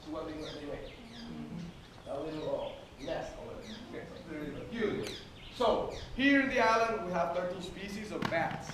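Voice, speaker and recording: A high-pitched male tour guide addresses his group inside a cave. His voice echoes heavily and reaches the mic from a distance, over clear background noise. He explains point by point, often checking that people follow. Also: normal speed, a bit bright.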